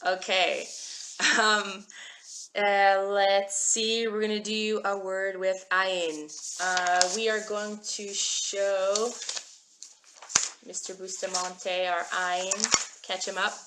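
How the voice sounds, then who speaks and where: A woman's voice: medium pitch, pushed and bright, a little hiss or hum. A woman teaching a live-streamed Hebrew reading class, upbeat and encouraging, greeting viewers by name as she walks through letters and words. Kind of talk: live-streamed language lesson. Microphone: phone live stream.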